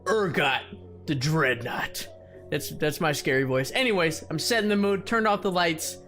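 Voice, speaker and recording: A man excitedly commenting on a video game for his channel in a casual, hyped-up way, swearing now and then. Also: high-pitched. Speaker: gaming YouTuber.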